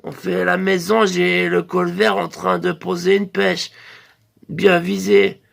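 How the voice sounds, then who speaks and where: A man telling a rambling comic story in a loose, hesitant way, now and then breaking into shrill bird-call squeals. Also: little pitch movement, slow pace, vocal fry. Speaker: comedian.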